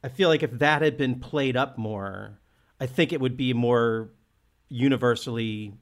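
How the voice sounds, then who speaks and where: A man's voice: mid-range voice, measured pace. A man hosting a casual film discussion, talking with enthusiasm and restarting often as he searches for words. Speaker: podcast host.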